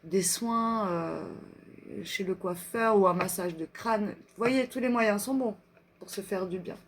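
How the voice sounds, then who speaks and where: A woman doing a live card reading, slowly reading self-love affirmations aloud and chatting with her viewers between them. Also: mid-range voice, slight background noise. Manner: slow, drawn-out reading of affirmations, chatty asides. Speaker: energy reader and card reader.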